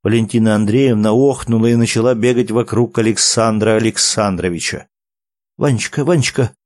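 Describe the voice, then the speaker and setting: A man narrating a story aloud in a calm, measured way. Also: fairly low pitch, no echo. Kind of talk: audiobook narration.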